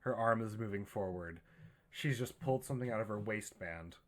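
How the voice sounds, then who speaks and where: A man narrating a tabletop horror game as game master, in a measured, suspenseful way. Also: lowish voice.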